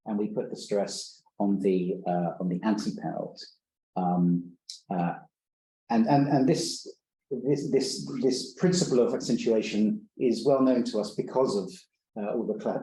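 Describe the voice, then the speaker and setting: A man's voice: on the low side, mellow, slight background noise. Hesitant man lecturing in a roomy hall. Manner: hesitant, many fillers and restarts. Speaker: conference speaker. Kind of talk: academic conference talk. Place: lecture room.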